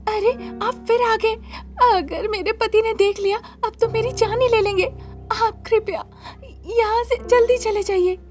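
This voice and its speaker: A woman's voice: very high-pitched, steady tone, measured pace, darkish tone, faint music behind, voice pushed up. A woman voicing a frightened young wife who pleads tearfully in a cartoon story. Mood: anxious.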